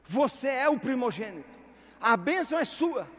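A man's voice: extremely high pitch, big pitch swings, normal speed, fairly bright tone, in a large hall, voice pushed up, full character voice. A man voicing the old patriarch Isaac, grand and fatherly, proclaiming a blessing in a ringing voice.

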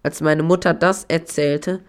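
A man's voice: a little high, steady tone, measured pace, smooth. An actor playing an eager, defensive young man telling a strange story in a children's audio drama. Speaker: Jan, the friend telling the story.

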